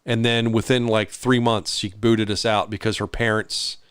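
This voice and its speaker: A man's voice: fairly low pitch, level tone, moderate pace, fairly bright tone, clean tone, no room sound, studio quality. A middle-aged man co-hosting a podcast, telling a story in casual chat and acting out the voices of the people in it. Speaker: podcast co-host.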